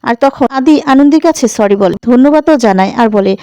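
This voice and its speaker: A high-pitched woman recaps a TV serial in a brisk, plain way. The sound is dry and close, with no room around it. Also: lively intonation, warm tone, smooth, no echo. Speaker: channel host. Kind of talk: casual retelling of a TV serial plot.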